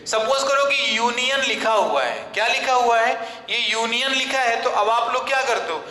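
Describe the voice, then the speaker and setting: A man lectures on English grammar with a sharp, bright voice, firing questions at his class and answering them himself. He slows right down for deliberate English phrases. The classroom rings with a long, echoey reverb. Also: very high voice.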